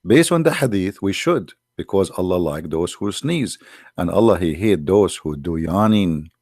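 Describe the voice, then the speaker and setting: A man's voice: low-pitched, expressive, normal speed, darkish tone, no room sound, clean studio sound. A man hosting a livestream, talking in a sarcastic, mocking way. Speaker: online show host. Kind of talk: livestream commentary.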